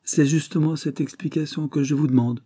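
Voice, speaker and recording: A man with a husky voice voicing a severe examining magistrate questioning a suspect in an audiobook. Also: a little high, steady tone, a little fast, mellow, pitched above the performer's own voice, natural voice. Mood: stern. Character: stern cold male examining magistrate.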